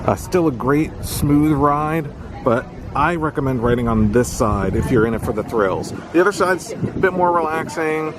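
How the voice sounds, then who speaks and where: Higher-voiced male vlogger, noisy outdoor park. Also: expressive, normal speed. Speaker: theme park vlogger and channel host. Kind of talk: casual vlog talk to viewers.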